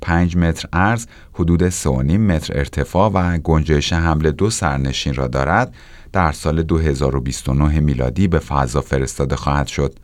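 Guy reading scripted tech news, super deep voice, dry close studio sound. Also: no echo. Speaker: technology news presenter.

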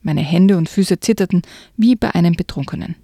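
Whispery, gravelly woman reading aloud. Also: fairly low pitch, brisk, warm tone, dry recording, clean studio sound. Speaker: reader and co-host. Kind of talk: reading a book excerpt aloud.

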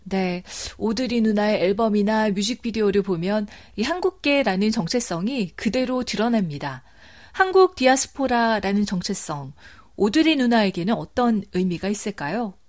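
Lively-pitched woman presenting a program. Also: normal speed. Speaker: program host. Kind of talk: scripted presenting and narration.

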